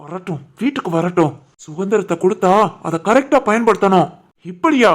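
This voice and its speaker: A woman voicing a young husband and son in an animated family drama, scolding and stern, with a Tirunelveli Tamil accent. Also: medium pitch, fairly quick, natural voice. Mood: angry. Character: young husband and son, short-tempered man.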